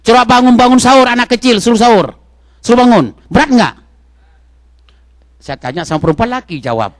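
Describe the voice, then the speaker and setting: A man preaches in a mosque with a very high voice. His delivery is animated, jumping between raised exhortation and quiet asides, and he keeps asking the listeners questions. The sound is dry and close, with little room echo. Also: a little fast. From Indonesia. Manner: animated, swings from loud exhortation to soft asides; talks straight to the congregation with questions. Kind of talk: sermon.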